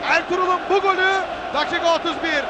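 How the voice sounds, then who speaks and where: A man calling a football match live on television, excited and breaking into screamed goal calls. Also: very high-pitched, fast. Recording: noisy 1990s broadcast, loud stadium crowd. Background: roaring stadium crowd.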